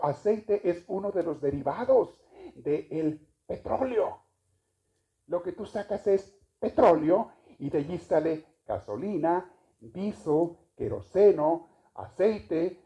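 A priest gives a homily at Mass in a church, chatty and joking as he asks the congregation questions. His voice is high-pitched and mellow, heard through a dull lo-fi recording.

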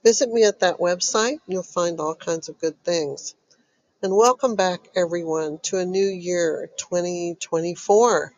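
A woman speaks as a recovery coach, addressing her listeners in a motivational style. Her delivery is unhurried and deliberate, with pauses. She sounds stuffed up, and the sound is dry with no room echo. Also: on the low side, darkish tone. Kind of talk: motivational self-help talk to listeners.

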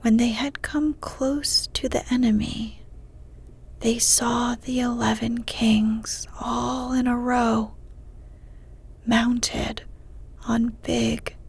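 A woman reading a story aloud in a soft, unhurried ASMR whisper. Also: fairly high pitch, gravelly, husky.

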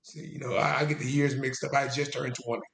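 A man's voice: mid-range voice, flat delivery, creaky, a bit bright, slight background noise. Roomy-sounding man, easygoing. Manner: casual Southern US speech, drawn-out and halting with restarts. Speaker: interview guest, veteran. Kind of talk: conversational storytelling. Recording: roomy echo.

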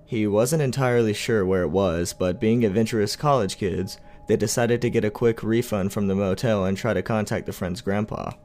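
A man narrating a first-person horror story for a podcast in a measured, storytelling way. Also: fairly low pitch, a little mellow.

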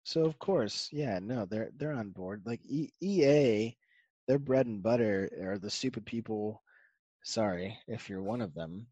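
A man's voice: on the low side, unhurried, dark tone, no room sound, highs cut off. A man co-hosting a casual podcast chat from a video call, blunt and opinionated. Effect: remote voice on a video call over an internet connection. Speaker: podcast co-host.

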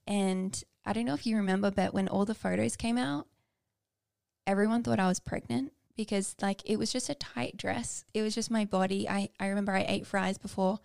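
A woman's voice: mid-range voice, steady tone, brisk, vocal fry, a little mellow. A young woman co-hosting a podcast, candidly telling personal stories in casual chat. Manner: candid, personal storytelling with fillers. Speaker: podcast co-host.

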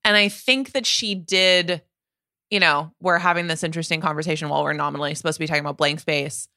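A woman co-hosting a music podcast, talking eagerly in a chatty way and restarting her sentences often. Her voice is bright and forward. The sound is dry and close, with no room behind it. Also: low-pitched, quick pace, dry recording. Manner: animated, chatty, with many restarts and fillers. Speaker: podcast co-host. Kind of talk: casual music discussion.

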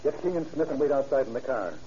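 A man's voice: medium pitch, expressive, fast, mellow, close to an everyday voice. An actor playing a businesslike American police chief in an old radio crime drama, authoritative and methodical in his questioning. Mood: firm, official. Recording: muffled, noisy old radio recording.

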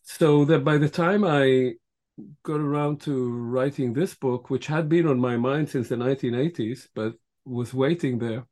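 A man in his sixties from Israel, a historian answering interview questions in a measured way with many pauses. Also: medium pitch, a little mellow. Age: 60s. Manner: measured, frequent filler pauses. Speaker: guest author and historian.

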